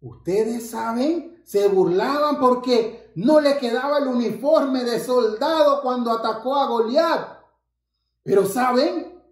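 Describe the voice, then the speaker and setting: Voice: medium pitch, slow, lightly acted. An adult playing Carlitos, a cheerful little boy who tells the children a Bible story in church, bubbly and exclaiming straight to his listeners. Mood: eager. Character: cheerful little boy named Carlitos, proud young scout. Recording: echoey church room.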